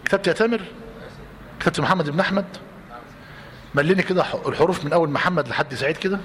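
Speaking very fast in a high-leaning, slightly bright voice, a man with an Egyptian Arabic accent runs a class, repeating points and testing his students with questions. The hall sounds roomy and reverberant, with faint noise.

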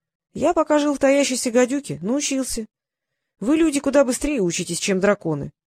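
A woman's voice: high-pitched, animated, a little fast, a little mellow, no room sound, voice pushed up. A bashful young dragon-turned-man from a fantasy storybook, read by a woman. He talks in an easy, casual way, sheepish one moment and a little boastful the next. The voice is dry and close. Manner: embarrassed, casual. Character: young male dragon in human form, shy and boastful.

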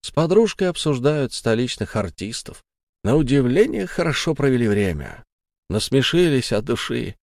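A man's voice: medium pitch, very animated, moderate pace, creaky, a little mellow, no room sound, studio quality. A man voicing a good-natured, chatty market stallholder. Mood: genial. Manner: friendly, chatty. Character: genial, cheerful male stallholder.

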